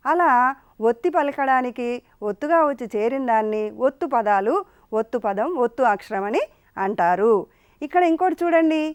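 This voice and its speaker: A woman's voice: high-pitched, no room sound. A woman teaching a school lesson to children. She asks the pupils questions, coaxing them patiently through each point. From India.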